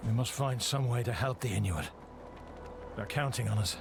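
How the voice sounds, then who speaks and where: A man's voice: mid-range voice, moderate pace, noisy background, natural voice. A man voicing a weary, stern male expedition commander in a game, firm and authoritative. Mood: commanding. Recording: game audio with clear music behind.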